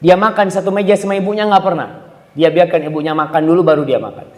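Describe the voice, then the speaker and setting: Man, preacher, sermon, tells stories and acts out voices, addresses the congregation, roomy reverberant hall. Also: fast. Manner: storytelling, acting out quoted voices with sharp pitch jumps. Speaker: Islamic preacher.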